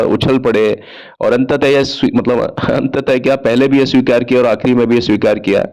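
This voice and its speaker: A male host tells a story in a relaxed, conversational way. His voice sits at an ordinary middle pitch. He keeps throwing in little questions and asides to the listener. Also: low-quality recording. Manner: chatty, asks himself rhetorical questions; frequent asides asking listeners to agree. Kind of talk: storytelling film-music talk.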